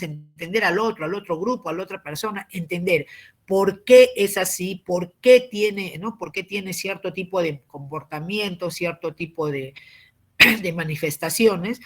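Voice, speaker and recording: A man, giving a civics lesson as a teacher. He explains patiently, often tags his points with a question and clears his throat. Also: sits high, a bit bright.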